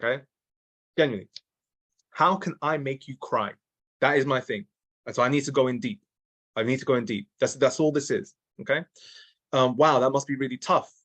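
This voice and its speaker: A man's voice: medium pitch, brisk, long pauses, a bit bright. A man teaching sales calls in a casual, repetitive way, restarting his sentences and checking in with "okay?" and "right?" as he goes. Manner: drops in mild swearing. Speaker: sales trainer. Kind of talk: casual training talk.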